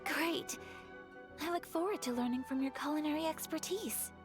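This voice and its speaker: A woman's voice: high voice, moderate pace, close to an everyday voice. A woman voicing a refined, earnest young noblewoman in a game, speaking in a formal and polite way. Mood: gracious. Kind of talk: game character dialogue. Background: game music.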